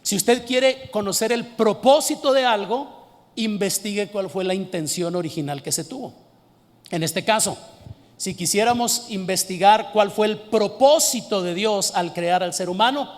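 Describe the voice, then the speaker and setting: A man delivers an earnest sermon, stressing and repeating key words slowly. His voice sits high for a man. A long reverb trails after his words. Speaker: preacher.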